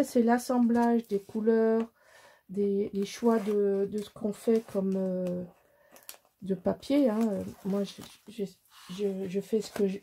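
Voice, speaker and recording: A middle-aged woman from Alsace, France, chats casually while leading a scrapbooking tutorial, rambling, poking fun at herself and restarting often. Her voice is mid-range and mellow with a breathy edge.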